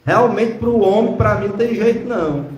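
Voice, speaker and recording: Male pastor, higher voice, preaching to the congregation; roomy echo, faint background hiss. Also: moderate pace, a little mellow, dull audio. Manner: preaching, often addressing the congregation as brothers. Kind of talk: sermon.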